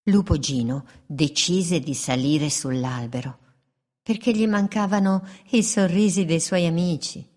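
A woman reading a children's story aloud in a playful, expressive way, with repeated refrains. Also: on the low side, a little slow.

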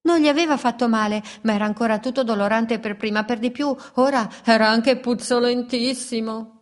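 A woman reading a children's story aloud in a playful, expressive way, with repeated refrains. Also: a little high, fairly quick, a crowd in the background.

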